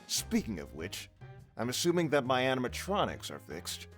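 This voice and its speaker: A man voicing a calm, quietly knowing pizzeria owner in a fan animation, with an understated manner. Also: mid-range voice, moderate pace, faint music behind.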